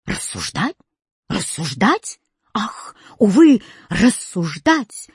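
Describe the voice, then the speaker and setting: A weepy exclamation mark from a storybook who wails every line with tears, as a woman puts it on. The voice is husky and breathy, recorded dry and close. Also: mid-range voice, sing-song, extremely slow, dry recording, full character voice. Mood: wailing. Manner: sobbing, wailing.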